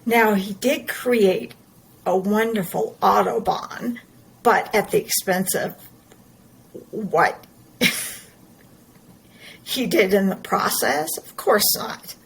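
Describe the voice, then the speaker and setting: A woman's voice: mid-range voice, slow, creaky, long pauses, a little hiss or hum, poor audio. A middle-aged woman, talking earnestly and emphatically in a personal monologue, often repeating her words. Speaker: podcast host.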